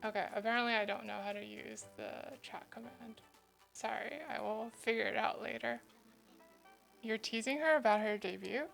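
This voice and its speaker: Woman, cute flustered streamer, fairly high pitch, crackly fry, casual thinking-aloud chatter, faint music behind. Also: steady tone, moderate pace, fairly bright tone. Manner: scattered, self-interrupting, mutters to herself. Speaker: livestreamer drawing fan art. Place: indoor streaming setup.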